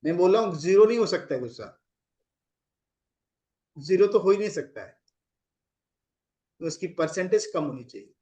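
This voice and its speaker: Middle-aged male relationship coach, high voice, conversational advice with acted-out examples. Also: expressive, normal speed, pauses often, mellow. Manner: explains with acted examples of angry phrasing. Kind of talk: casual advice talk.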